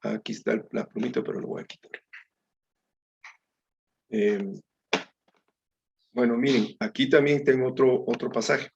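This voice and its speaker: Gravelly guy teaching bible study, chatty, calls everyone brethren, muffled lo-fi sound. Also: medium pitch, a little slow, long pauses, a little hiss or hum. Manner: conversational, addresses listeners as brethren; reads scripture aloud with small slips. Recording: dull lo-fi recording.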